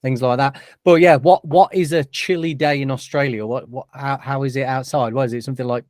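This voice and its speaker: A man's voice: medium pitch, fairly even intonation, a little fast, a little mellow, no echo, clean studio sound. A man hosting a podcast in a chatty, jokey way. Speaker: podcast host. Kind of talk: casual podcast chat.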